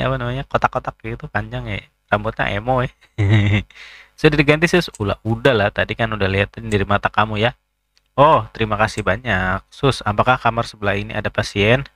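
A man playing through a spooky game and talking over it in a loose, jokey way, often turning to his viewers. His voice sits at an ordinary middle pitch, and the sound is dry and close, with no room around it. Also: a bit bright, dry recording. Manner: chatty, keeps addressing viewers, jokey and easily startled. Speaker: gaming YouTuber. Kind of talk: casual let's-play commentary.

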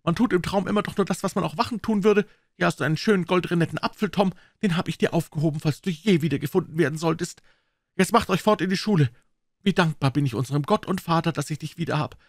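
A man's voice: on the high side, fast talker, dry recording, studio quality, pitched above the performer's own voice. A man voicing a pious, emotional elderly aunt who keeps calling on God. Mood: fervent. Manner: fervent, exclaiming, invoking God.

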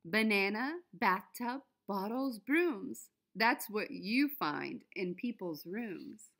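A woman reads a children's storybook aloud for young listeners, deliberate and expressive in her delivery. Her voice is medium-pitched with some vocal fry.

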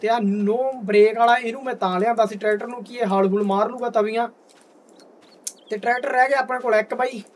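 A young man chats through a video game in a strikingly high-pitched voice. He keeps up hearty, exclamatory banter, talking to viewers like buddies. The mic sounds distant, with faint engine noise behind him. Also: fairly even intonation, brisk. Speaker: gaming video host. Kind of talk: casual gameplay commentary.

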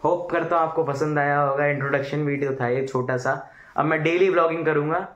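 A young man with a slightly high voice speaks into a handheld phone at home. He is chatty and loose, teasing the people around him as he talks to his viewers. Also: fairly even intonation, fairly quick, highs cut off. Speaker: vlogger. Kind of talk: casual vlog narration. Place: family home, indoors.

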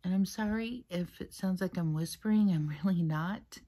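A woman vlogger chatting casually through her makeup routine in a soft, half-whispered, rambling way, recorded at her mother's place on the camera's own mic without a separate microphone. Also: fairly low pitch, normal speed. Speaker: beauty vlogger. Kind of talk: casual get-ready-with-me makeup chat. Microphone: built-in camera mic, no separate mic.

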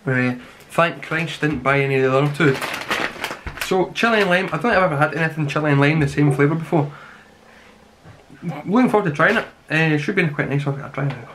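A man's voice: fairly high pitch, brisk. Young man chatting, noisy home recording. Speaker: snack reviewer. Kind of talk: casual chat review to camera. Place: small plain room indoors.

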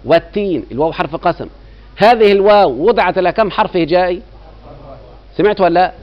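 Egyptian male grammar teacher, middle-aged, higher-pitched voice, keeps quizzing his class, dull lo-fi sound. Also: quick pace. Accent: Egyptian Arabic. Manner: keeps quizzing students with rhetorical checks. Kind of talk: classroom lecture. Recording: dull lo-fi recording.

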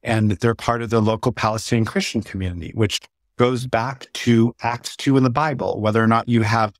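A man's voice: mid-range voice, no echo. A man in his forties from San Diego, a guest on a video call, telling his family story directly and matter-of-factly from a room at home. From San Diego, USA. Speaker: guest, peace organization president. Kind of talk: virtual interview. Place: home room with plants and window. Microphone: webcam close up.

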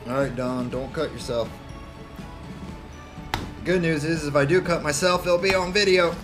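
A fairly high-voiced man in his thirties talks through a tool unboxing in a cluttered garage workshop. He rambles in a plain, easygoing way and pokes fun at himself, picked up on the camera's own mic with faint music behind. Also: moderate pace. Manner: plain-spoken, rambling, a bit self-deprecating. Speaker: channel host reviewing tools. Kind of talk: casual unboxing chat.

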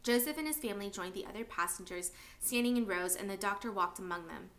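A woman teacher reading a novel aloud at home with expressive storytelling. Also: medium pitch, fast talker.

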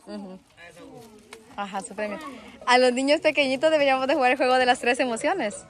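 High-pitched woman cheering on kids. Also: brisk, fairly bright tone, soft background music. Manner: encouraging, playful. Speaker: event co-host. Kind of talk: animated game hosting. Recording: crowd noise outdoors.

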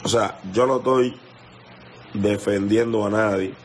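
A man's voice: on the low side, steady tone, a little slow, a little hiss or hum. A young man with a Dominican accent, talking straight into a phone livestream in a heated, confrontational rant, repeating himself and asking whether the listener understands. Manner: confrontational, repetitive, keeps asking "you understand?". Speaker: musician addressing a rival.

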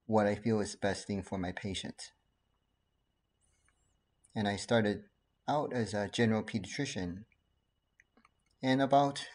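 Calm, earnest man in his forties. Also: lowish voice. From Taiwan. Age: 40s. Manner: calm, earnest, measured with frequent fillers. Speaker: pediatrician. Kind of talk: casual talk to camera. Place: living room at home. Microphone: laptop webcam.

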